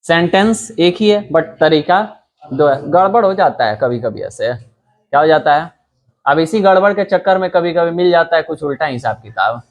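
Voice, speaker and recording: A man's voice: a little high, expressive, normal speed. A young adult man from India teaching a computer class, explaining step by step and quizzing his students with rhetorical questions. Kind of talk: classroom lesson.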